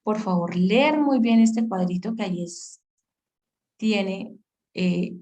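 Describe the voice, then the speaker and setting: A woman's voice: medium pitch, lively intonation, slow, warm tone, poor audio. A woman teaching an English grammar class over a video call, explaining patiently and often checking that students follow. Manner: patient, checks understanding with questions. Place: virtual session.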